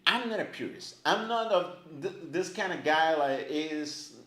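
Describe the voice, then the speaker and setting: A language teacher talks to camera in a relaxed, chatty explanatory lesson, filmed by an operator in an echoey indoor room. His fairly high voice moves a little slowly, and he's lively, constantly dropping fillers like "like" and "right?".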